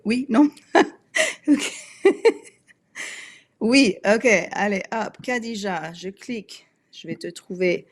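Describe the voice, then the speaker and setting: A woman's voice: mid-range voice, expressive, slow pace, pauses often. A woman in her forties hosting a live webinar as a mobility coach. She talks casually and directly, uses many fillers and laughs often.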